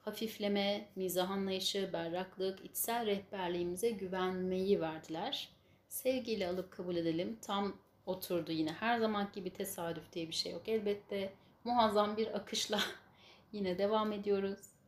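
A woman leading a spiritual healing session as guided meditation and prayer, giving instructions and blessings in measured, solemn phrases. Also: medium pitch, fairly even intonation. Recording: echoey room, faint background noise.

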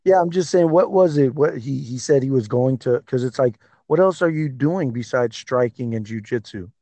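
Male podcast co-host, mid-range voice, rambling and excitable, dry close recording. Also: medium pitch, moderate pace, no room sound. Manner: excitable, rambling with many fillers. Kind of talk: casual sports chat.

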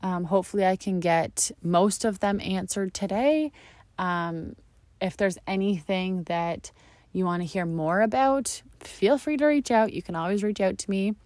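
A woman's voice: medium pitch, unhurried, a little mellow, no room sound. Young woman, twenties, from Canada, solo podcast host, bubbly and chatty, morning voice, close and dry. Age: 20s. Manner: bubbly, chatty, lots of fillers. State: morning voice, just woke up. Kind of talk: casual solo podcast chat.

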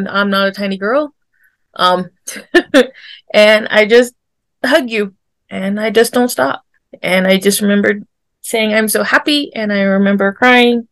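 A woman in her forties telling a personal story on a podcast, animated and laughing often as she acts out what people said. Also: medium pitch, dry recording. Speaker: podcast guest. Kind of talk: casual storytelling.

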